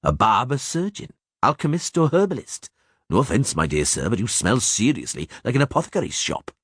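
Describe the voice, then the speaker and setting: A man's voice: mid-range voice, sing-song, fairly quick, a bit bright, husky, no room sound, clean studio sound. A man doing a blustering, brash dwarf. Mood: mocking. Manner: blustering and brash, with folksy words. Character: gruff, blunt, bold male dwarf warrior.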